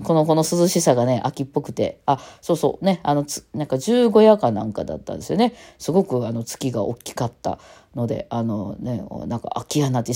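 A woman's voice: a bass voice, creaky, mellow. A woman with an Osaka Kansai accent, hosting a casual solo talk show in a chatty, rambling way with lots of fillers. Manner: rambling and chatty, with many fillers and self-corrections. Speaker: musician and podcast host.

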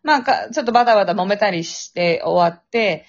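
Talking fairly quickly with lively intonation in a mid-range voice, a young Kansai-accented woman chats on a podcast she co-hosts. She shares a spooky story, laughs frequently, and imitates phone voices. The sound comes from a phone app and is dull and lo-fi.

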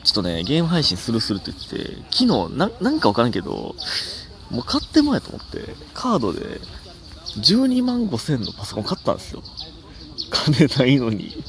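A young man with a Kansai accent chats alone on his comedy podcast, wandering from story to story and poking fun at himself. His pitch swings widely as he talks, with a gravelly, creaky edge. A faint hiss of noise sits under the voice. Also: fast. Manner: rambling, self-mocking, animated outbursts. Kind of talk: casual solo podcast chat.

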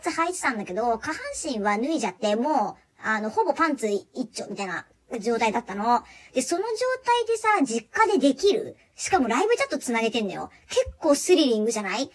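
A young woman telling a funny story from her job in a chatty, animated way, laughing often. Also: on the high side, quick pace, few pauses, husky. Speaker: live chat performer telling a work story. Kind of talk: casual solo talk radio storytelling.

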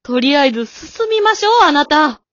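A woman's voice: high-pitched, sing-song, normal speed, fairly bright tone. Woman playing a stern, composed old wife. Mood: calm. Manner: polite, cool, scolding. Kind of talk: amateur radio drama. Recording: dull dry lo-fi recording.

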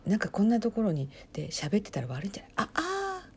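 A woman hosting a casual talk, commenting in hushed whispers while she watches a concert stream at home. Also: lowish voice, expressive, very fast, a little hiss or hum. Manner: speaks softly in hushed whispers; chatty, reacts aloud to what she sees. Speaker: podcast host watching a livestream.

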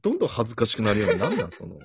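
A man's voice: fairly low pitch, huge pitch swings, racing, background noise. A young man, chatting casually on a podcast and protesting with laughs. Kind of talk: casual chat. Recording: dull lo-fi recording.

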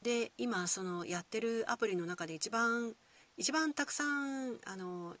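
A woman with a Kyoto accent hosting a solo podcast, musing gently with many soft fillers. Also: on the high side, measured pace. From Kyoto, Japan. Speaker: podcast host.

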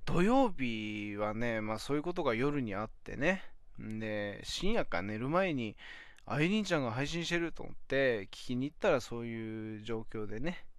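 A young man talks alone into his phone for his weekly talk show, rambling and filling pauses with hesitant ums and self-mocking laughs. His pitch swings widely between phrases. The sound is dry and close, with no room around it. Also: animated, smooth, no echo. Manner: rambling, many fillers, self-deprecating laughs. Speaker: podcast host. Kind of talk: casual solo talk.

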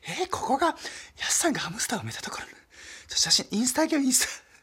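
A squealing teenage schoolgirl gushes breathlessly, her voice thrown high and light, a man doing the impression. She sounds thrilled by everything around her. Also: sing-song, racing, a bit bright, breathy edge, full character voice. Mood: gushing. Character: excited teenage schoolgirl tourist.

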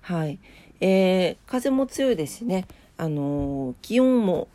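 Slow and expressive, this woman's lowish, dark voice is nasal and congested, with a drowsy edge. As host of a daily morning weather and today-in-history program, she mixes easygoing chat with reading out weather and trivia notes, all in a sleepy, unpolished way.

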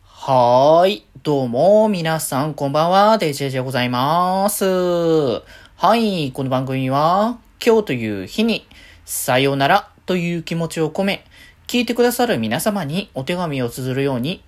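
A man with a mid-range voice hosts a podcast on his own, offering casual fan commentary. He thinks aloud in loose, winding sentences.

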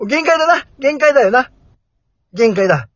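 A man co-hosts, breaking in with blunt, teasing remarks. His husky voice leaps across a very wide pitch range. The sound is dry and dull, like lo-fi podcast audio. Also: sing-song, normal speed, a bit bright, no room sound. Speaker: co-host. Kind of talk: casual radio talk.

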